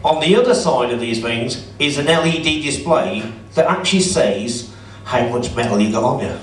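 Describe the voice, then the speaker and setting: A man's voice: mid-range voice, animated, normal speed, a little hiss or hum. A middle-aged man doing a stand-up comedy set in a club, chatty and sarcastic as he teases the crowd. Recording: roomy audio from a distance.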